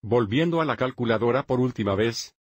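A man with a husky, slightly breathy voice talks through a math lesson one step at a time. His delivery is steady and methodical, like a patient teacher. The sound is dry and close, with no room around it. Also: medium pitch, a little fast, no echo. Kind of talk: dubbed math lesson narration.

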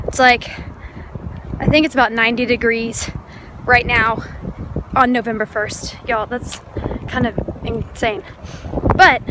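A breathless woman talks to her camera in a casual, chatty vlog, her voice pitched a little high. She speaks loudly to be heard outdoors. Gusting wind and passing traffic come through clearly on the handheld phone recording. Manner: chatty, loud over the wind. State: out of breath after a run. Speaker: fitness vlogger. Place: outdoors on a windy day.

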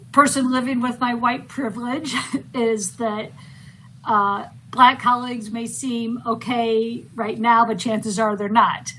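A woman with a slightly high voice speaks reflectively over a video call, halting and restarting her sentences. A faint hiss sits behind her. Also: fairly bright tone, rough recording. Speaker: committee member.

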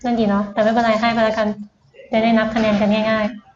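A woman's voice: on the high side, level tone, quick pace, a little mellow. A woman tutor giving a patient lesson, quizzing her student step by step and mixing English words into her explanations. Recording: roomy, dull lo-fi sound.

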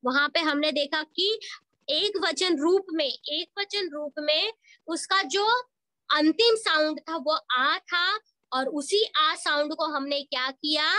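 Speaking slowly in a high-pitched, bright and forceful voice with no echo, a woman teaches Hindi grammar to schoolchildren online via video call. She calls them beta, mixes English into her Hindi, and answers the questions she asks.

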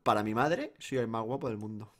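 A man's voice: fairly low pitch, brisk, noisy background. A man from Spain with an Aragonese accent, hosting a casual gaming chat, joking and swearing. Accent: Aragonese Spanish. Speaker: host.

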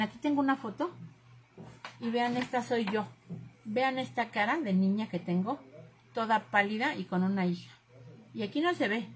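A woman's voice: mid-range voice, rough recording. A middle-aged woman with a Mexican Spanish accent talks straight to her viewers and says what she thinks. Her voice sits mid-range for a woman. A faint background noise runs under it. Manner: chatty, outspoken, keeps saying "chicas". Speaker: crafts channel host. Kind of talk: casual chat to viewers.

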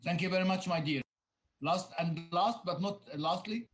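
A man's voice: high voice, moderate pace, crowd noise. A man with an Egyptian Arabic accent, a native Arabic speaker, giving an online English lecture over a video call, explaining each point and repeating it in Arabic. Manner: explains, then repeats in Arabic, many fillers. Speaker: English teacher.

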